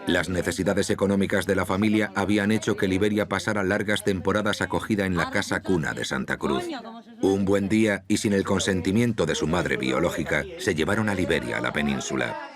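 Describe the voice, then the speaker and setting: A man reading a documentary narration in a measured, even way. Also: deep voice, crowd noise. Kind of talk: scripted narration. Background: music.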